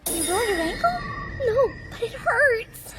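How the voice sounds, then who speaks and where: A woman playing a timid high school girl, anxious and breathy, in an anime dub. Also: lively intonation, moderate pace, over loud music. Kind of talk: anime English dub acting. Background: background score.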